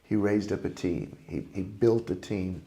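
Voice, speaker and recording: Older male pastor, lowish voice, folksy conversational sermon, warm chuckles. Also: a little slow. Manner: folksy, chuckling, earnest preaching.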